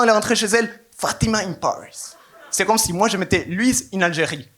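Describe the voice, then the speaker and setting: A man's voice: high voice, bright, forceful tone, slight background noise. A young man from Venezuela with a Latin American Spanish accent, doing a punchy, ironic stand-up set on stage. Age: young adult. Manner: punchy, ironic storytelling to a live crowd. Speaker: stand-up comedian. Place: comedy stage before an audience.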